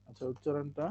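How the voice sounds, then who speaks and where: A man teaching English in an online live class. He explains step by step with many okays, and reads English lines out slowly to drill pronunciation. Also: fairly high pitch, warm tone, breathy edge, highs cut off.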